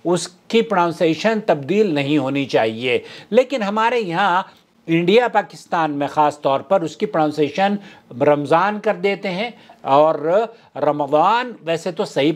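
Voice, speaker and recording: A man giving a religious lecture, explaining earnestly to brothers and sisters. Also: sits high. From South Asia. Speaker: Islamic preacher.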